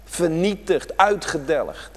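A man delivers a sermon in a church with a long, ringing reverb. His fairly high voice moves through a wide, animated melody, climbing for emphasis and sinking to hushed, almost whispered phrases. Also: slow. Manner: dramatic, swinging from raised emphasis to hushed near-whispers. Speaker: pastor.

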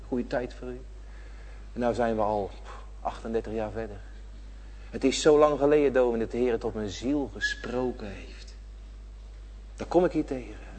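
A middle-aged pastor preaching a sermon, swinging between soft talk and loud, drawn-out emphasis. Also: male voice, medium pitch, long reverb tail. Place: church hall.

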